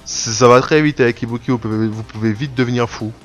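A man talks through his online fighting game matches in loose, rambling commentary. He restarts sentences often and bursts out when something surprises him. Loud game music plays under his voice. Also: medium pitch, fast talker. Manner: rambling play-by-play with frequent restarts and sudden excited outbursts. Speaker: gaming video creator. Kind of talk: casual gameplay commentary.

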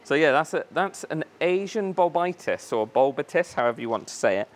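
A man's voice: a little high, animated, fast talker. A man hosting a casual unboxing vlog in his aquarium shop, chatty and enthusiastic, thinking aloud and tripping over plant names. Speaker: fish shop owner and video host.

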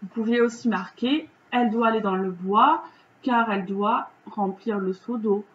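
A woman with a French accent, a teacher going through a reading lesson's answers for children in a slow, patient, step-by-step way. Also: mid-range voice, muffled recording, a little hiss or hum.

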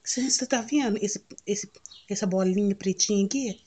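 Soft-spoken Brazilian woman filming at home. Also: medium pitch, normal speed, slightly rough. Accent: Brazilian Portuguese. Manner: tender, cooing, drops to soft near-whisper. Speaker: vlogger. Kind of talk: casual home vlog. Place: outdoors at home in strong sun. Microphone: phone camera held while filming.

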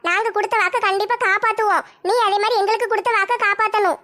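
Woman doing a high-voiced sly coaxing schemer. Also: steady tone, fast talker, pushed and bright. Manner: coaxing, soothing. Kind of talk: comedy sketch acting.

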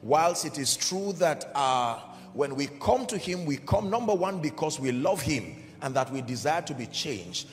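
A man preaching a sermon in an emphatic, deliberate way, calling out to his audience. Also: on the high side, sing-song. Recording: reverberant hall with faint background music.

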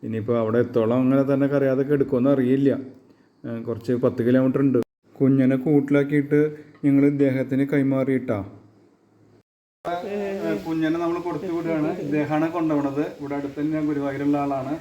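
A man's voice: mid-range voice, level tone, brisk, echoey room, dull audio, a little hiss or hum. A man hosting a pet vlog in a chatty, casual way, who sometimes talks tenderly to the animals. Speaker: pet channel host.

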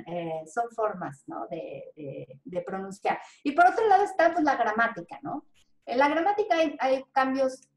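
A Mexican woman explains in an animated, rambling way, sounding out example words as she goes. Her voice has a middle pitch and carries a roomy echo. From central Mexico. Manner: animated, demonstrates pronunciations, many fillers. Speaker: linguist guest. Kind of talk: explanatory interview talk.

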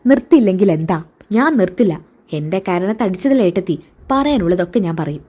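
A suspicious, defiant middle-aged mother who fires back sharp, probing retorts, as a woman reads her part in a storybook retelling. The voice is mellow and soft in tone and sits at a middling pitch. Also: expressive, a little fast, natural voice.

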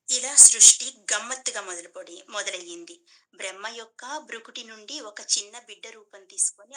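A woman's voice: fairly high pitch, sharp tone, poor audio. A woman giving a devotional storytelling talk as a teacher, asking rhetorical questions and answering them.

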